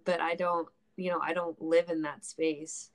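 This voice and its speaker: On a podcast, a woman in her mid-twenties co-hosts with candid, blunt talk, poking fun at herself and swearing freely. Her voice is deep and level, moving at a normal speed, and there's slight background noise.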